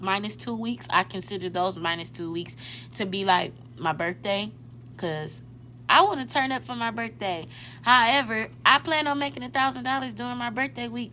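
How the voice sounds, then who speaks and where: This podcast host in her twenties has a mid-range voice with a sharp tone, addressing listeners directly in casual motivational talk. She often corrects herself mid-thought, and there's slight background noise.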